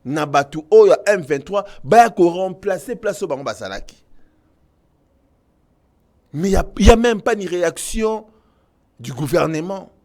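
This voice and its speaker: A man's voice: lively intonation, moderate pace, pauses often. A man from Congo with a Congolese French accent, delivering impassioned political commentary to viewers and switching between French and Lingala. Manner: emphatic, mixes French and Lingala, swings from loud outbursts to low intensity. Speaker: online news commentator.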